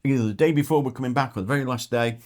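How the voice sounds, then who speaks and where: A man's voice: mid-range voice, racing, darkish tone. A middle-aged man co-hosting a travel vlog, chatting casually while tasting food and talking with his mouth full.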